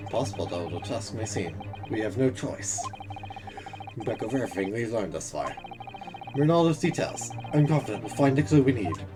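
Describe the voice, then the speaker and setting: A woman's voice: very deep voice, expressive, a little fast, noisy background, pitched below the performer's own voice. A woman voicing a grave, determined father in a mystery game. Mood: grave resolve.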